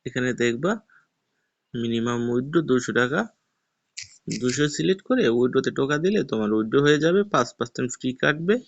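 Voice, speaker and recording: A man's voice: medium pitch, expressive, brisk. A man, casually talking viewers step by step through a tutorial on his channel. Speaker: YouTuber. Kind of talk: screen-recorded tutorial walkthrough. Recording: dull lo-fi voice recording.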